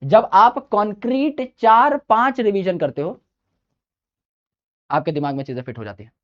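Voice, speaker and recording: A man's voice: high voice, lively intonation, normal speed, a bit bright. Chatty male teacher, dull lo-fi sound. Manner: chatty and emphatic, repeats key points, addresses listeners as brother. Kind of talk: informal study-advice lecture.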